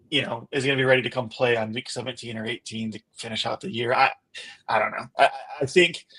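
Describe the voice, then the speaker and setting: A man's voice: medium pitch, fairly bright tone. A man, the show's regular medical analyst, explaining things in casual podcast chat, thinking aloud with lots of ums and you-knows.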